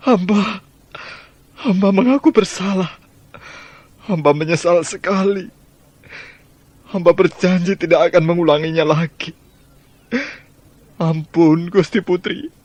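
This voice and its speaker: A whiny old servant, begging and sobbing, high voice, dry radio drama sound. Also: male voice, darkish tone, no echo. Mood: sobbing pleas. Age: older. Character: old male servant, groveling, fearful, pleading. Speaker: servant of the minister.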